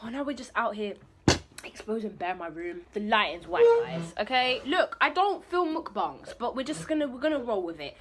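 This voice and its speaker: A woman's voice: a little high, expressive, normal speed, very noisy. A woman chatting candidly to her phone camera in her bedroom, rambling and talking while she eats. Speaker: vlogger. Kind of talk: casual vlog chat.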